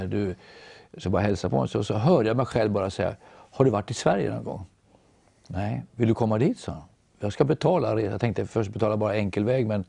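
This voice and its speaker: Man, Norwegian native, gravelly, dark low voice, testimony, dry sound. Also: no room sound. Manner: animated storytelling, voices others in quotes. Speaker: guest storyteller.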